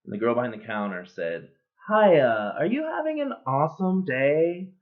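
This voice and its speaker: A man cold-reading a bitter, sardonic middle-aged male horse who was once a star, joking in a deadpan way, recorded on a built-in webcam mic. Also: a little high, normal speed, pitched above the performer's own voice. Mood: wry storytelling. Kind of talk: cold-read monologue. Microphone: built-in computer webcam mic. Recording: tinny, phone-like webcam audio.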